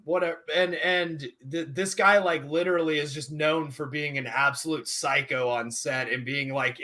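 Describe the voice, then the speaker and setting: A man's voice: fairly high pitch, sharp tone. A young man in casual chat on a livestream, rambling with lots of filler words. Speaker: stream host.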